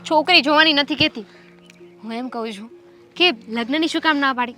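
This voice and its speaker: An actress playing Damini, a teasing, quick-tongued young woman in a family film who talks a lot with mock indignation. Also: sits high, pushed and bright, faint music behind. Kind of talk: film dialogue.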